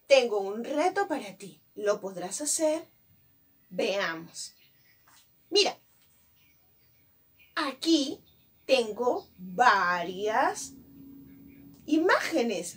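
A woman teaching a virtual class to young children, coaxing and animated as she talks straight to the child. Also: fairly high pitch, drawn-out words, long pauses, slightly rough. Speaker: preschool teacher.

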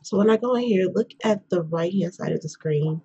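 A young woman hosting a game playthrough in a quiet whisper, chatting casually as she plays. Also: lowish voice, a little fast, vocal fry, husky, dull audio. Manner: whispering quietly, keeping voice hushed. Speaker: gaming video host. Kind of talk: whispered let's play commentary, casual chat. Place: indoors at home. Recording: noisy background, keyboard and mouse clicks.

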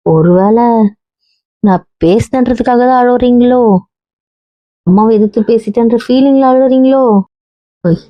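A woman's voice: a little high, unhurried, long pauses, no room sound, muffled recording. A woman playing a wife in a scripted family drama, coaxing and teasing her husband.

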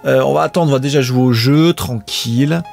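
A man casually chatting with viewers as he hosts a live stream of old adventure games, rambling in a relaxed way. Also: medium pitch, a little fast, creaky, faint music behind.

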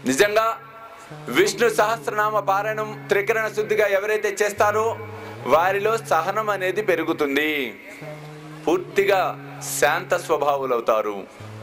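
A male spiritual teacher telling a devotional story in an animated, expressive sermon. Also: sits high, a little slow, pauses often, faint music behind. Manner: animated, switches into character voices.

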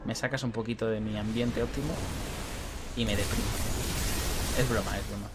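A gaming streamer from Spain with a Madrid accent rambles casually through his commentary, cracking self-mocking jokes as he plays. His voice is lowish with fairly even intonation and normal speed, buried in heavy background noise.

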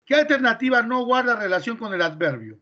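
Bright high-voiced male teacher. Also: very animated, a little fast, lo-fi sound. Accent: Peruvian Spanish. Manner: explains step by step, quizzing students with questions. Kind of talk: classroom grammar lesson. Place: classroom.

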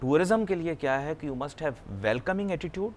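A man's voice: on the high side, measured pace. A man hosting a studio business talk show, chatty, jumping in and telling anecdotes. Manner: chatty, jumps in, tells anecdotes. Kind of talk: studio discussion.

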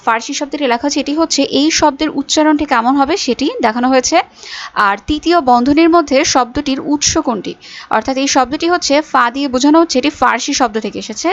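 A woman teacher giving a recorded school lesson, explaining step by step with fillers. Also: high-pitched. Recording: dull lo-fi audio.

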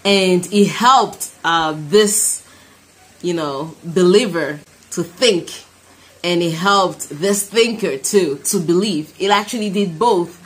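A woman's voice: lowish voice, slow, husky, low-quality recording. A woman in her thirties from Cameroon giving a heartfelt, emphatic personal testimony and prayer to camera. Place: small room indoors. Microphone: phone at arm's length.

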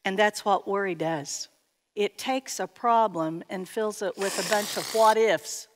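A woman's voice: medium pitch, a little slow. A woman gives an earnest, emphatic teaching talk to an audience at a conference workshop, with playful asides. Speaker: workshop speaker. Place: large hall before an audience. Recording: long hall reverb.

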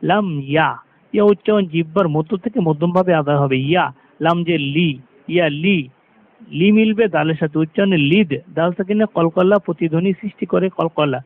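A man teaching Quran recitation, explaining pronunciation rules step by step and slowly chanting the verses. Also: high voice. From Bangladesh. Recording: tinny lo-fi phone-like sound.

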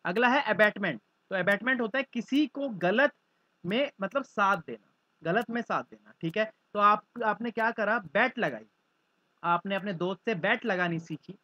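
High bright guy teacher, acts out scenes, dull dry lo-fi sound. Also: dry recording. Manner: lively, acts out little scenes. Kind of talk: vocabulary lesson with mnemonics.

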